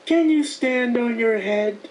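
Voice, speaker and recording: A woman's voice: a little high, slow pace, darkish tone, a little hiss or hum, poor audio. A woman playing a teasing, mad cartoon cat with a sing-song, playfully evasive delivery. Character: mischievous, teasing male Cheshire cat, grinning and mad. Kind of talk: cartoon fandub acting. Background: music.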